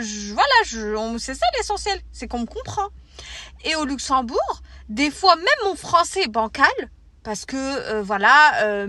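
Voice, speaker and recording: A young woman with a French accent, Arabic her first language, chatting to camera in an animated, slangy way. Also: on the high side, no room sound. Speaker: vlogger. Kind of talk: casual talk to camera.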